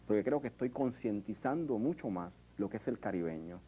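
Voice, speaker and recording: A man with a Puerto Rican accent, thinking aloud as he talks about his work. His voice sits low and sounds mellow and relaxed, with restarts and small pauses throughout. A faint hum of room ambience stays behind him. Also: low-quality recording. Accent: Puerto Rican Spanish. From Puerto Rico. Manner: reflective, hesitant, many fillers and restarts. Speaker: artist, sculptor. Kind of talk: interview conversation.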